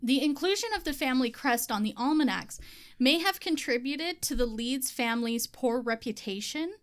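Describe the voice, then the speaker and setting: A woman's voice: high-pitched, expressive, moderate pace. A woman co-hosting a casual podcast, reading from her research notes, laughing often and swearing casually. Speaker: podcast co-host.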